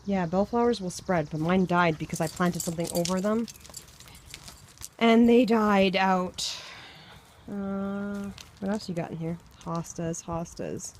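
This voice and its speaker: A woman's voice: on the low side, unhurried, darkish tone, a little hiss or hum. A young woman, chatting casually as a vlogger while she tours a garden outdoors and wonders aloud about the plants, filmed on a handheld camera. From Canada. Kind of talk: casual chat.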